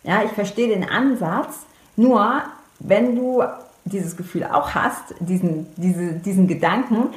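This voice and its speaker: A woman's voice: medium pitch, a little mellow. Woman coach explaining stuff earnestly, talks right at you, repeats the important bits, roomy echo. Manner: earnest, addresses the listener directly, repeats key points. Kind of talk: explanatory monologue to the viewer. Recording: echoey room.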